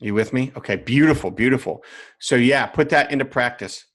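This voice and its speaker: Speaking fairly quickly in a medium-pitched, somewhat bright voice, a man coaches fellow coaches during a live online screen-share session. He leans on emphatic repetition and keeps checking in with his viewers.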